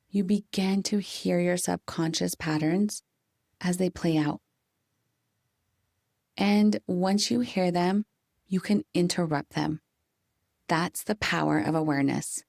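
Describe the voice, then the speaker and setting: A woman with a fairly low voice delivers a calm, coaching motivational monologue as a podcast host. She leans on key phrases, slowing down to stress them. The recording is dry and close. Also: vocal fry, no echo.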